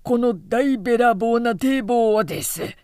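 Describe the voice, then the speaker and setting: A woman voicing a very hoarse male samurai retainer who talks in an earnest, insistent way. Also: very high-pitched, moderate pace, darkish tone, no echo, studio quality, voice pushed up. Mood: indignant. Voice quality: very hoarse, rasping.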